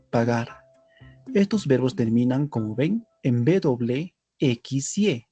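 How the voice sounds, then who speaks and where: An English teacher narrates a scripted language lesson in a mellow, husky, medium-pitched voice, spelling out letters and giving each word's translation. The recording is dry.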